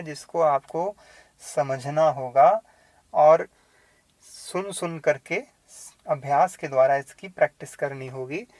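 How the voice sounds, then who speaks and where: Slow, patient male language teacher. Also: on the high side, no echo. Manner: patient, spells out letters with careful stress. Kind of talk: slow spoken language lesson.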